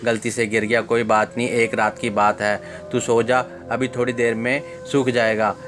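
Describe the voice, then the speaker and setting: A patient, reproachful old mother as a man reads her lines speaks quietly and gently in a flat, even, mid-pitched voice. Faint music plays softly under her. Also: normal speed, natural voice. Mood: gentle.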